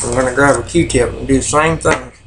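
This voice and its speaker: A man's voice: mid-range voice, fairly quick. A man talks with a pipe in his mouth, casually talking through each step of a how-to demonstration. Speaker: pipe hobbyist. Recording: steady background noise.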